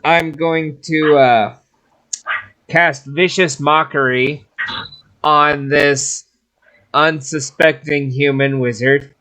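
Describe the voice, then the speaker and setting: Man, tabletop player, unhurried, hesitant, somewhat high voice. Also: fairly even intonation, bright, forceful tone. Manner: halting, slow speech with fillers. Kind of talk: tabletop game role-play.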